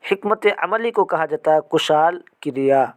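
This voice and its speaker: A man teaching an exam-prep vocabulary lesson, repeating each term slowly several times. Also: a little high, animated, clean tone.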